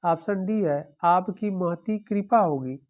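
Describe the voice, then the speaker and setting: A woman's voice: lowish voice, slow pace, a little mellow, muffled recording. Woman methodically explaining exam answers. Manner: methodical, repeats options, frequent "okay". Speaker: teacher.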